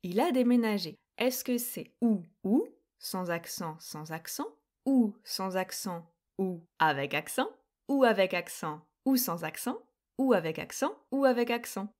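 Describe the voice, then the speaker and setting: A young woman presenting a scripted grammar quiz lesson, explaining slowly, clearly and deliberately. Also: medium pitch, expressive, darkish tone. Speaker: French grammar teacher.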